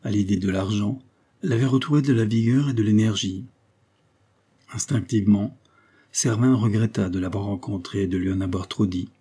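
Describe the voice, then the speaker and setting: A man narrating a classic novel aloud in a measured storytelling manner. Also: lowish voice, mellow, slightly rough. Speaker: audiobook narrator. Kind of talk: scripted literary narration.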